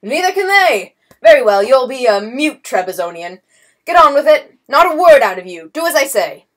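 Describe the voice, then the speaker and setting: A woman's voice: high voice, big pitch swings, normal speed, pitched above the performer's own voice. A woman reading a storybook voices a blustering, pompous swindler count who barks commands. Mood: urgent. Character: blustering swindler count, grown man, bold. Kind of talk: audiobook character voice.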